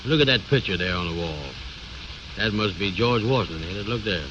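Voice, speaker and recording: A man's voice: lowish voice, expressive, fairly quick, natural voice. An actor playing a bossy, self-important man who blusters in folksy ungrammatical speech, in old radio comedy style. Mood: self-assured. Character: pompous, bossy, know-it-all man bluffing his friend. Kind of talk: 1930s-40s radio comedy acting. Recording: muffled, noisy old radio recording.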